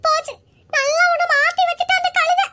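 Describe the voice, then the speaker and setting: A woman voicing a quick-tempered elderly mother-in-law in a cartoon skit, scolding and whiny. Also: steady tone, heavy background noise. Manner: shrill, scolding and wailing.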